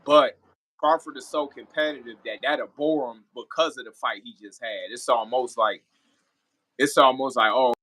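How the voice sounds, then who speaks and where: A man's voice: mid-range voice, normal speed, sharp tone, dry recording, poor audio. A man giving his opinions in a casual sports reaction video, repeating phrases for emphasis as a guest commentator.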